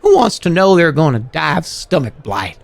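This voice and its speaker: High, creaky, fretful fortune teller creature. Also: male voice, wildly swooping pitch, normal speed, no room sound, full character voice. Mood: weary, evasive. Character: squat, ugly, fearful, reluctant fortune teller creature. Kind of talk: voiced game character on a livestream.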